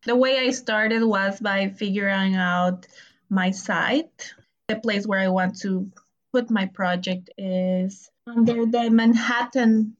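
A young woman from Ecuador, a graduate student and podcast guest, answering questions in a hesitant, casual way with pauses and restarts. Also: medium pitch, muffled recording.

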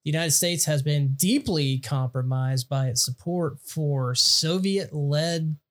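A man's voice: a little high, takes it slowly, a bit bright. A man co-hosting a podcast, reading out news items and adding sardonic remarks in casual political commentary. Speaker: podcast co-host.

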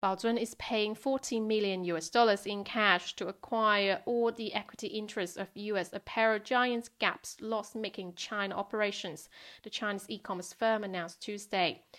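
Female news presenter for rapid, scripted market bulletins, medium-pitched voice.

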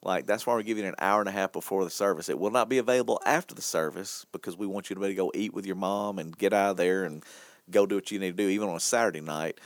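A man's voice: low voice, racing, dry recording. A man co-hosting a church podcast, chatting casually and teasing his co-hosts with a laugh. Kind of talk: casual chat.

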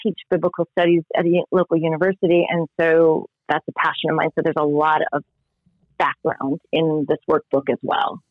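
A woman's voice: sits low, level tone, a little fast, dry recording, narrow, tinny audio. A woman speaking casually as a guest in a radio interview. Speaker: interview guest, spiritual mentor and biblical studies teacher.

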